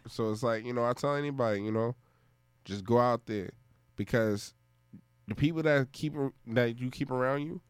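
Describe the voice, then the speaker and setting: A man's voice: medium pitch, moderate pace, smooth, no echo, studio quality. A man who works as a DJ, a guest in a casual interview, talking easygoing street slang.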